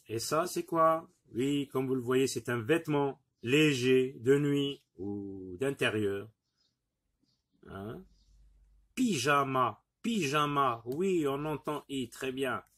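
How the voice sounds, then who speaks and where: Man teacher, husky, unhurried; sounds out words by syllable for young pupils. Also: medium pitch. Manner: repeats words slowly, syllable by syllable; patient, encouraging, addresses pupils directly. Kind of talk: phonics lesson for young pupils.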